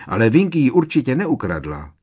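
A man voicing a teenage witch girl who argues her point in a shrill, insistent way. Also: huge pitch swings, a little mellow, husky.

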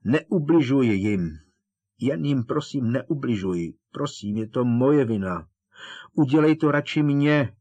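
Man voicing a husky, tormented old wizard for an audiobook, slow pleading cries. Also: medium pitch, animated, mellow, no room sound. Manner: pleading, drawn-out anguished cries. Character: old male headmaster wizard, tormented and begging.

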